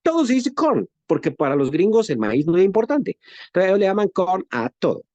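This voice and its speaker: This Guatemalan man, speaking with a western Guatemalan Spanish accent, has a high, darkish voice with lively intonation and a slightly fast pace. He teaches a Bible lesson in a conversational way, posing rhetorical questions and frequently adding "¿no?", in a muffled recording with no echo.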